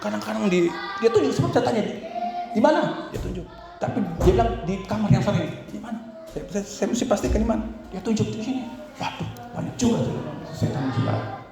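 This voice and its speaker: Pastor guy preaching sunday sermon, high lively voice, super echoey church hall. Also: fast talker, creaky, music in the background. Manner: animated, swings between loud exclamations and low asides. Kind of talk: Pentecostal sermon with storytelling. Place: church sanctuary.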